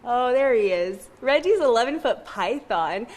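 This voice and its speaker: A woman's voice: fairly high pitch, expressive, measured pace. A woman TV reporter presenting a live animal feature.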